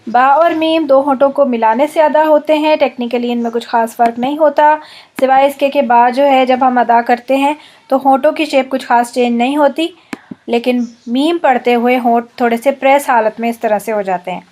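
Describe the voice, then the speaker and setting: A woman teaching recitation in a slow, careful way, saying each example word twice. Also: high-pitched, fairly even intonation, a little mellow. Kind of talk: online lesson.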